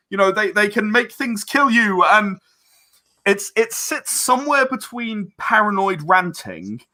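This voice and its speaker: A man with a fairly high, pushed and bright voice is interviewed about the games and audio dramas he creates. He talks casually, chatting and wandering as he explains.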